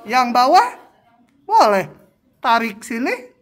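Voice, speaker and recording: Male math lecturer, unhurried, quizzes the class, thinks aloud at the board. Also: very high voice, very animated. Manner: drawing graphs while explaining, quizzing students with questions; slow, thinking aloud with fillers. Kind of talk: university math tutorial.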